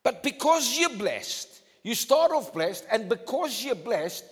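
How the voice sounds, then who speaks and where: A male pastor preaching a sermon emphatically, swinging between loud declarations and low, intense tones. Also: very animated, slow pace, husky. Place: church hall. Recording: long hall reverb.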